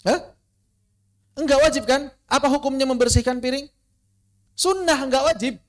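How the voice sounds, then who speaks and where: Animated high-voiced male religious teacher. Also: moderate pace. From Indonesia. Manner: conversational, rhetorical questions, swings from soft asides to animated emphasis. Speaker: Islamic studies teacher. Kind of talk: informal religious lesson. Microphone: online class recording.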